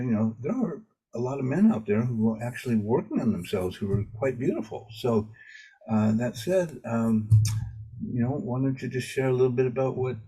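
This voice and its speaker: A man hosting a casual video interview, talking haltingly with many fillers and restarts. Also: mid-range voice, mellow, breathy edge, rough recording. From Maine. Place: home in Maine.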